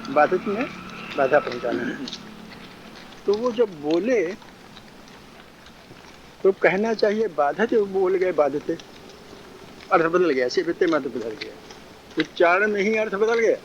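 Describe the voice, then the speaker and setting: A male spiritual teacher giving a discourse, repeating phrases and chuckling often in a drawn-out teaching cadence. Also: high-pitched, animated. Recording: dull lo-fi recording, faint noise.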